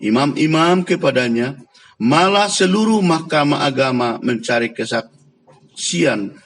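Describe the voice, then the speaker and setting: A man leading a worship service and reading a scripture passage in a slow, deliberate, reverent way. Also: a little high, a bit bright, a little hiss or hum.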